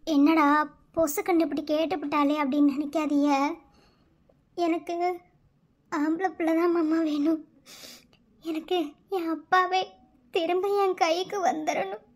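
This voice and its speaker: A woman's voice: steady tone, a little slow, pauses often, darkish tone. A woman voicing a young cartoon woman with a Madurai Tamil accent, pleading emotionally in rustic slang. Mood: tearful pleading. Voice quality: very high, childlike cartoon voice. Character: young woman, tearful, longing for her late father. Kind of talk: cartoon voice acting.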